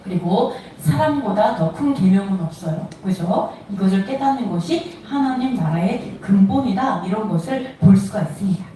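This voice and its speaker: Echoey woman preaching a lively sermon. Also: mid-range voice, normal speed, hardly any pauses. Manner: animated, laughing, acts out quoted dialogue. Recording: echoey room, voice from a distance, faint noise.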